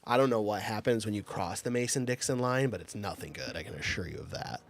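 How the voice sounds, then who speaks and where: A man's voice: fairly low pitch, animated, fast talker. A man in his twenties chatting casually on a livestream, telling rambling, profane stories with lots of filler words. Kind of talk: casual chat.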